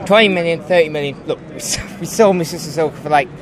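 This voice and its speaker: A man's voice: a little high, a little fast, over music. A man giving a jokey football opinion on the street. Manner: jokey, laughing. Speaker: football fan interviewee. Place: outdoors on a busy street. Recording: crowd and street noise.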